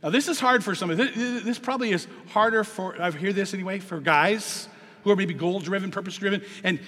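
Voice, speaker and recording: Animated high-voiced male preacher. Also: long reverb tail. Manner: animated preaching, swinging from quiet asides to loud emphatic peaks. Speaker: pastor. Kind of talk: sermon.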